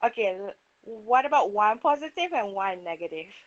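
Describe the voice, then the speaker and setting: A woman's voice: medium pitch, lively intonation, normal speed, muffled recording. A woman interviewing a guest on a podcast, asking hesitant questions full of fillers.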